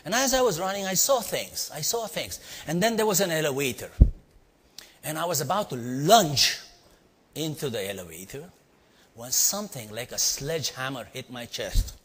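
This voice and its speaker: In a hall with long reverb, a middle-aged man with an Indian accent who teaches storytelling recounts a personal story to a live crowd, performing his exclamations and questioning the audience. He sounds very animated at a moderate pace, with a rather high, somewhat bright, breathy voice.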